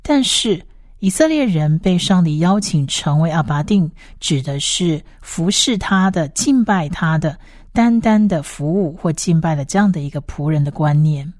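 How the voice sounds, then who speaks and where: A woman talks through a Bible study passage by passage, in a steady explanatory manner. Her voice sits a little low for a woman. The recording is dry, with no room sound. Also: normal speed, no echo. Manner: steady explanatory reading, reads scripture aloud. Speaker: Bible teacher. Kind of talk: scripted Bible study lecture.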